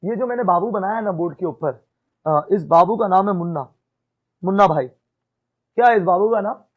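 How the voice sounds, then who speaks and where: A man's voice: sits high, normal speed, husky, narrow, tinny audio. A male accounts teacher giving a classroom lecture in mixed Hindi and English, often checking "ठीक है?" and quizzing his students.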